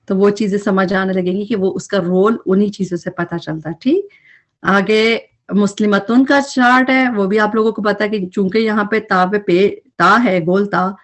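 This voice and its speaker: A woman's voice: mid-range voice, fairly even intonation, fairly bright tone. A woman teaching an Arabic grammar recap lesson, explaining patiently and mixing English terms into her speech.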